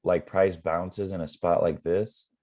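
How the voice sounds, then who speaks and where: A man explaining live trading in a relaxed, rambling way with many fillers, his voice going hoarse. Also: sits low, a little slow. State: losing his voice. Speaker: forex trading mentor.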